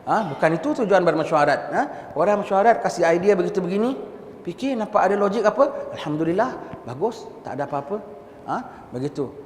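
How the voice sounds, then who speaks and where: A man from Singapore with a Singaporean Malay accent, giving a conversational mosque lecture. He mixes in English words and often checks his listeners with a quick "ha?". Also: high-pitched, animated. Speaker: religious teacher. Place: large mosque hall. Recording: echoey hall with long reverb and faint background noise.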